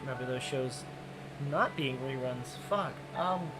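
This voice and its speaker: A woman in her late twenties chatting casually while she works on a craft project, excitable and quick to swear. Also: very deep voice, rough recording. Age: 20s. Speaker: co-host of a crafting stream. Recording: music playing underneath.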